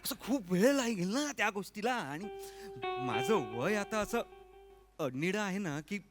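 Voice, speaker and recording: A chatty, evasive young fiancé in a stage comedy sketch. His voice sits high for a man, and he jokes while tripping over his words. Loud background music plays under him. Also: lively intonation, measured pace.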